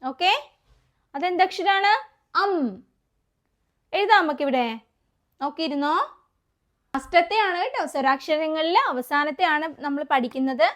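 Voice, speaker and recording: High-voiced woman teaching kids letters. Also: fairly bright tone. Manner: coaxing, asks children questions and repeats letters slowly. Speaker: children's teacher. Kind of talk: kids' alphabet lesson.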